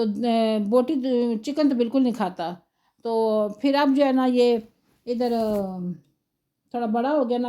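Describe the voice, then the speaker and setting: Brief: middle-aged woman home-cooking vlogger, raised pitch, mellow tone, rambling and chatty. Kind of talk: casual vlog chat over footage.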